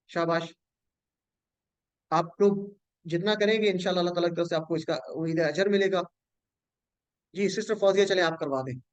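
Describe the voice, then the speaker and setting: A man's voice: sits high, clear, resonant tone, no room sound, highs cut off. A man teaching an online class, patiently drilling word patterns with his students.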